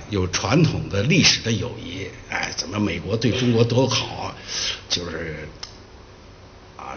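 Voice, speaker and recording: A man giving a public history lecture, telling the story in a lively way and acting out the quoted dialogue. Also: on the low side, muffled recording, slight background noise.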